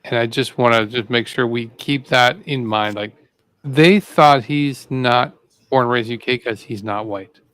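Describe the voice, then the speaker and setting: A man's voice: mid-range voice, normal speed, fairly bright tone, no room sound. A man co-hosting a live political talk show, rambling and repeating himself as he gets fired up. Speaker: co-host. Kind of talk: casual political commentary.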